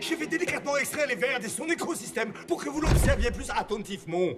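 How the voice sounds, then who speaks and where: An actor voicing an eccentric, theatrical male insect-museum guide in a cartoon dub, grandiose and shouting. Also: very high-pitched, expressive, fast talker, loud music behind the voice. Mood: indignant. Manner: grandiose, shouting, hammy showman.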